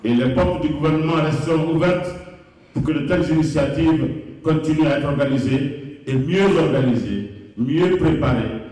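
A man's voice: a little high, moderate pace, mellow. A man acting as master of ceremonies, giving an emphatic official address at a ceremony in a large conference hall. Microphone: handheld mic, recorded from far off. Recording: echoey hall from far off.

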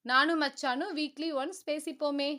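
A woman's voice: sits high, fairly even intonation, measured pace, pushed and bright. A woman voicing an easygoing, cheerful young man who chats in a breezy, talkative way in a storybook reading.

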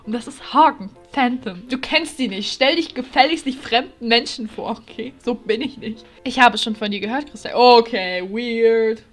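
A woman's voice: a little high, normal speed, hardly any pauses, fairly bright tone. A woman giving casual let's-play commentary as a YouTuber, chatty and giggly, tossing in English phrases as she reads quest dialogue. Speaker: YouTuber playing a horse-riding game.

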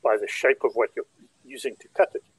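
A man's voice: medium pitch, lively intonation, a little fast, breathy edge, no room sound, low-quality recording. A man chatting on a video call, explaining things in a thoughtful way. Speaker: panel member. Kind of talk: casual chat.

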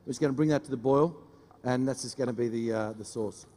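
A middle-aged man, a chef giving a brisk, joking live cooking demonstration on a studio stage. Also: mid-range voice, warm tone, in a large hall. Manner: brisk, joking, teases the audience. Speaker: chef doing a cooking demo. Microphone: headset mic.

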